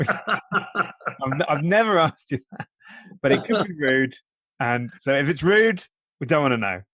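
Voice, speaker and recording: A man's voice: a little high, animated, unhurried, a bit bright, dry recording. A man hosting a podcast interview, asking easygoing questions with a joking touch. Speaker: podcast host. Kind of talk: casual interview.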